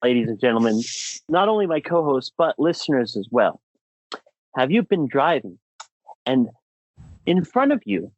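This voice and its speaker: This fairly high-pitched young man from the United States is ranting comedically as a podcast co-host, emphatic and exasperated, with swooping intonation. There's no room sound, and the recording comes across dry and dull.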